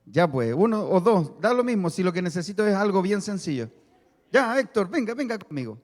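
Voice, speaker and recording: High-voiced pastor preaching in a hall. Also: male voice, sing-song. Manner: teaching, leads congregation in call-and-repeat; explains word meanings slowly, stresses key words. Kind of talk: sermon. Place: church hall. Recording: long reverb of a church hall.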